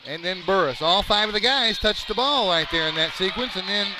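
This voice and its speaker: Play-by-play man, high voice, noisy gym, excited calls on big plays. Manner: rapid excited calls that rise on big plays, joking banter in lulls. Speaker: play-by-play announcer. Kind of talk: live basketball commentary.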